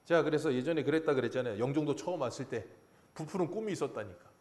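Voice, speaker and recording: Animated Korean male pastor preaching. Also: fairly high pitch, rapid-fire. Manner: animated preaching, acts out God's and Jonah's lines, chuckles at himself. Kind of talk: sermon.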